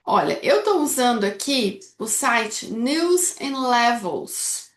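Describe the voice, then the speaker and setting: High-voiced Brazilian woman teaching in an echoey room. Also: sing-song, slow pace, a little hiss or hum. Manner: explains step by step with frequent checks like "tá?" and "certo?". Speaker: English teacher. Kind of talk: instructional video lesson.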